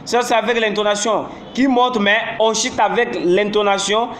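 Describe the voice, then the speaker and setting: A man teaching a grammar lesson, speaking slowly and deliberately and acting out the rise and fall of example questions. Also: sits high, fairly even intonation, fairly bright tone. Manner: slow, deliberate, demonstrates rising and falling intonation on example questions. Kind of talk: spoken French grammar lesson. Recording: echoey room with faint background noise.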